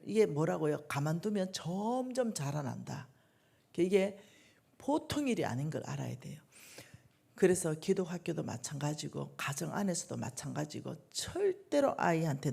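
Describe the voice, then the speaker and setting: A middle-aged woman delivers a sermon in a church with a low, husky, gravelly voice. Her pitch moves widely as she preaches, and she swings between hushed asides and loud, emphatic bursts. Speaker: lay minister preaching at a church revival meeting.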